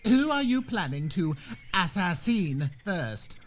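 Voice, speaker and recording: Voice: mid-range voice, sing-song, slow pace, fairly bright tone, a little hiss or hum. An actor playing a languid, world-weary, dryly witty character in a comedic audio drama. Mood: languid, droll.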